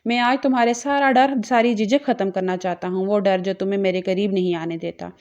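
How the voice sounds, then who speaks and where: A woman's voice: mid-range voice, fairly even intonation, darkish tone, muffled recording, natural voice. A woman voicing a bold, insistent young man coaxing his bride-to-be, in a plainly read storybook way. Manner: persuasive, insistent speech.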